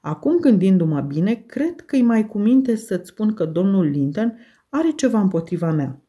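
A woman's voice: mid-range voice, sing-song, mellow, breathy edge. A woman reading aloud voices Heathcliff, a cold, sardonic middle-aged man who speaks with contempt. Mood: calculating.

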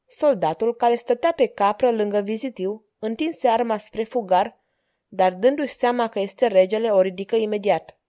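A woman reading an audiobook as narrator, calm and measured. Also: medium pitch. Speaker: volunteer audiobook reader.

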